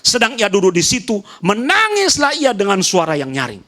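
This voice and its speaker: A male pastor from Nias preaching a sermon with emphasis. He swings between loud raised calls and soft low asides, repeats short phrases and speaks straight to the congregation. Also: wildly swooping pitch, normal speed. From Nias, Indonesia.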